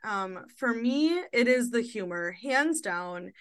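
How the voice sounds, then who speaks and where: A woman in her thirties hosts a casual podcast. Her voice sits a little high, and her talk is loose and chatty, full of fillers and quick laughs. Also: lively intonation, fairly bright tone, clear, resonant tone. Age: 30s. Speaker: podcast host.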